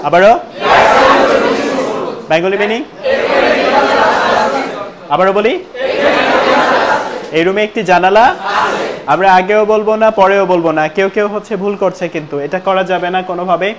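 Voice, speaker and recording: Guy teaching english to a full class, high voice, keeps saying again? and drawing out example sentences, loud crowd noise all around. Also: steady tone. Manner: drills a class with repeated prompts, slows right down to model sentences. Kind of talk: classroom lesson with call-and-response drills. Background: students answering in chorus.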